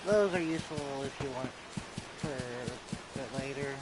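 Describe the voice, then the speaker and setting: A man's voice: medium pitch, a little slow, rough recording. A tired man giving casual gameplay commentary, rambling and trailing off mid-sentence. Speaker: let's play host. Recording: loud background noise.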